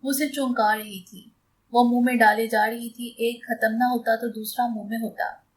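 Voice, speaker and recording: A woman narrating a romance novel audiobook in a steady storytelling manner. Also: fairly high pitch, normal speed, low-quality recording.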